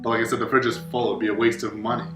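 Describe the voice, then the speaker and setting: A man's voice: lowish voice, flat delivery, rapid-fire. A man in a comedic skit, insistent and emphatic. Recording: roomy, distant, music behind.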